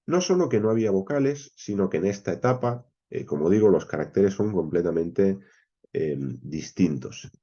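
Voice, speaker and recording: A man from teaching a Bible class, explaining step by step, with frequent "eh" pauses, often checking in with "¿vale?" and "¿bien?". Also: low voice, lively intonation, dark tone, breathy edge, lo-fi sound. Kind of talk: expository Bible class lecture.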